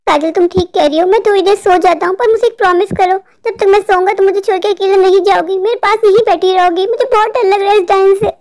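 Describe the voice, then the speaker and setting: Whiny scared husband for a cartoon, voiced by a woman, pitched very high, panicky. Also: fairly even intonation, quick pace, hardly any pauses, a little mellow. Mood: anxious. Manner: fretful, complaining, panicky. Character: frightened, whiny adult husband, mall owner. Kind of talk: cartoon voice acting.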